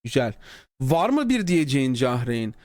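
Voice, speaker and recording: A man live-streaming, reading out a developer's comment and answering it in a sarcastic, mocking way, his voice swinging from low mutters to high exclamations. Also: sing-song, moderate pace, a little mellow, no echo, studio quality. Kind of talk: casual live-stream talk.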